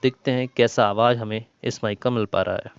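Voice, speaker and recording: A tech reviewer chats with viewers while testing a product, explaining step by step and restating what he says. His mid-range voice is steady, clear and resonant, moving fairly quickly, though the high frequencies are cut off. Ambient noise runs through this amateur recording.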